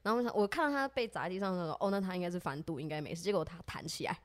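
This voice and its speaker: A woman with a Taiwanese Mandarin accent, co-hosting a podcast and telling a story in an animated way, acting out what her friends said. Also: racing. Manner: animated, acts out quoted friends with rising pitch. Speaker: podcast co-host. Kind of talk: casual storytelling chat.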